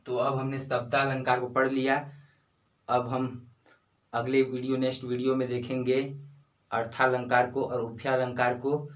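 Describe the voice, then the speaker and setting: A young man teaching grammar, slowly repeating key phrases and answering his own questions. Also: medium pitch, completely flat delivery. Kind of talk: explaining Hindi grammar to students.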